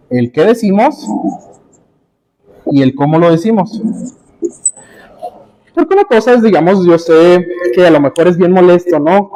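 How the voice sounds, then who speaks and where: A man's voice: a little high, mellow, low-quality recording. A man speaking to a workshop audience about family conflicts, conversational, with personal examples and rhetorical questions.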